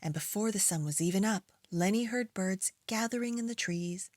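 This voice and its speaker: A woman reading aloud to young children as a preschool storytime host, in an expressive storytime voice. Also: mid-range voice, slight background noise. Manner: storytime voice, slow and expressive with acted animal and object sounds.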